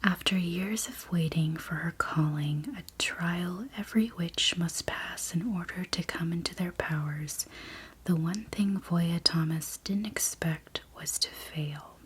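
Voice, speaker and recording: A woman in a whispered role-play as a library clerk, speaking in a soft, breathy library whisper with gentle customer-service manner. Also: fairly low pitch, measured pace, low-quality recording. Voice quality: breathy, mostly unvoiced whisper. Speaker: ASMR performer playing a library clerk.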